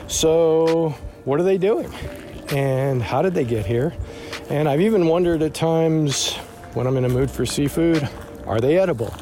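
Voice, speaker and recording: A man's voice: a little high, a little slow, dark tone, soft background music. A man working as a newspaper reporter, chatting casually while walking along a canal with his dog.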